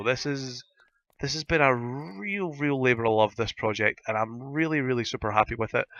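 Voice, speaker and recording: A Scottish man with a gruff, sore-throated voice, hosting a casual gaming video and rambling as he thinks aloud. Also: mid-range voice, pushed and bright, highs cut off. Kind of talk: casual Minecraft let's-play commentary.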